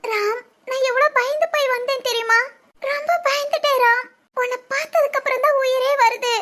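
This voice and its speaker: Very high, bright, woman voicing a tearful young cartoon woman, pleading, repeats a name. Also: steady tone, a little fast. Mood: relieved. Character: young woman frantic over her lover. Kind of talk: Tamil cartoon voice acting.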